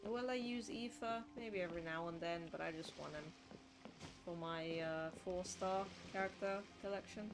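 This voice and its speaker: A woman's voice: fairly low pitch, moderate pace, background noise. A woman streaming a game with casual commentary, musing and thinking aloud. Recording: loud game music behind the voice. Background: game music.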